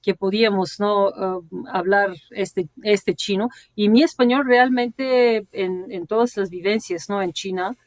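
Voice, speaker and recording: A sinologist and translator from Bulgaria in her forties tells animated stories as an interview guest, speaking at a measured pace with few pauses in a medium-pitched voice. She laughs while talking and tags nearly every phrase with a questioning "no"; the recording has no room sound.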